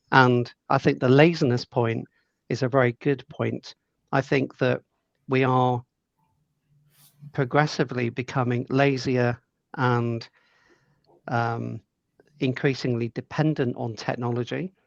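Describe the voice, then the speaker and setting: A middle-aged man giving thoughtful, measured answers as a podcast guest, often repeating words while he gathers his thoughts. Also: mid-range voice, vocal fry, no room sound, muffled recording. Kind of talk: conversational interview answers.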